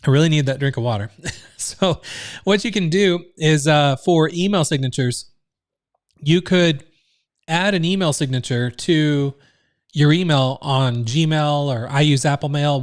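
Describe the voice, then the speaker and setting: A man runs a live online training via screen-share, explaining steps in a casual, rambling way with lots of fillers and restarts. His voice leans high, with clean studio sound and no room sound.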